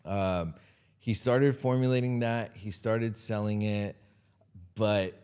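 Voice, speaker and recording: Low-voiced man, easygoing talk. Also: slow, smooth. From Los Angeles, United States. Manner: relaxed, repeats phrases, frequent fillers. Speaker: guest, company CEO. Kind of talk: conversational interview.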